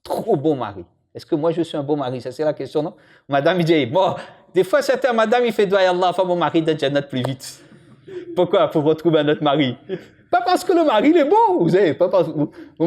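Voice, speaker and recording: A man giving an informal religious lesson, joking with the audience and putting questions to it. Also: a little high. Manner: lively, jokes with and questions the audience. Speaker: imam teaching a religious lesson.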